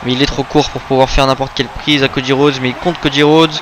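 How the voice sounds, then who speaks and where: Over a noisy background, a man rapidly narrates a video game wrestling match play by play, calling out moves and exclaiming at major ones. His voice is mid-range with a level tone.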